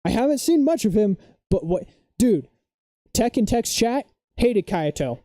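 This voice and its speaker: A young man rambling through a casual live stream. His voice is deep, dark and mellow. It is recorded close and dry, with no room echo, and he argues his opinions with excitable conviction. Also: measured pace.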